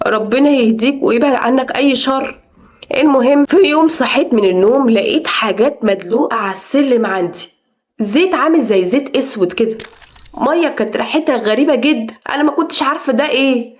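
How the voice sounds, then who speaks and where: A woman's voice: high voice, expressive, fast talker. A middle-aged woman with an Egyptian Arabic accent, narrating a personal story in an earnest, dramatic way.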